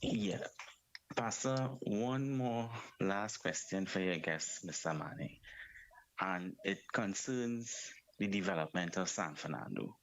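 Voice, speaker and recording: A man's voice: deep voice, lively intonation, slow, highs cut off. A man from South Trinidad with a Trinidadian accent, calling in to a talk show and asking a long, rambling question. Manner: rambling, repeats "right?". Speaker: caller.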